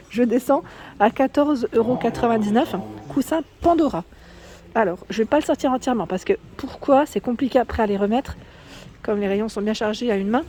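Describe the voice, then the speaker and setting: A woman's voice: on the high side, mellow. A woman vlogging casually as she walks through a shop, chatting and asking viewers what they think. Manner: chatty, asks viewers for opinions. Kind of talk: casual store walkthrough vlog. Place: inside a shop.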